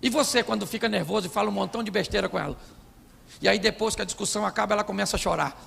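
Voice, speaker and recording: A man's voice: high-pitched, very fast, gravelly, fairly bright tone, in a large hall, a little hiss or hum. A man preaching a sermon in a humorous, conversational way, acting out little scenes with voices. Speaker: pastor.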